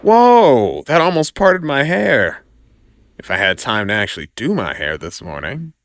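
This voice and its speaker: A man voicing a cocky, quick-witted young superhero who trades sarcastic banter in an audio comic. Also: mid-range voice, big pitch swings, dry recording. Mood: flustered, joking. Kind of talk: audio comic drama acting.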